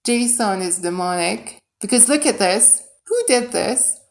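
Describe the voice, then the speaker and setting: An Iranian woman, a native Persian speaker with a Persian accent, streams live as a game modder, chatting casually with viewers and thinking aloud while she codes. Her mid-range voice is creaky, with lively intonation and a measured pace.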